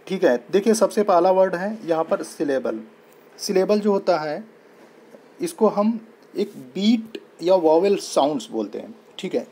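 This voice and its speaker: A man's voice: a little high, dark tone, a little hiss or hum. A young man with an Indian accent teaching a lesson, patient and repetitive, spelling words out letter by letter. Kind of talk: explaining lesson in Hindi-English mix.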